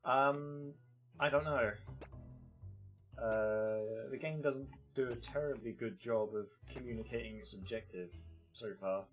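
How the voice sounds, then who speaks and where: A man's voice: mid-range voice, unhurried, soft background music. A man casually reviewing games on a live stream, rambling and hesitant with lots of ums.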